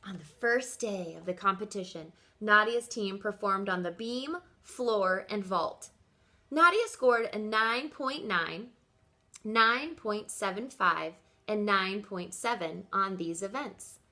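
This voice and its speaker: In a teacherly read-aloud of a children's picture book, a woman places expressive and deliberate emphasis on the narrative. Her voice is mid-range.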